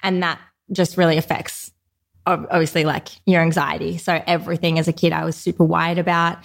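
During a laid-back podcast interview, a woman from Australia chats openly about her life, saying "like" a lot. Her gravelly voice is on the low side, level in tone and brisk.

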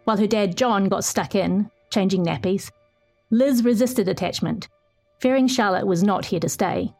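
A middle-aged woman reads a long feature aloud. Her voice sits at an ordinary middle pitch, and her reading is steady and clear. When answering questions she talks more loosely, with small restarts. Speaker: reporter.

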